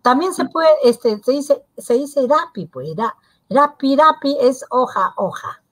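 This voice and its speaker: A woman co-hosts a language lesson on web TV. Her voice sits somewhat high, and she speaks slowly, stopping now and then to search for the right example. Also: animated, poor audio. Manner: unhurried, searches for words while explaining. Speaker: co-host.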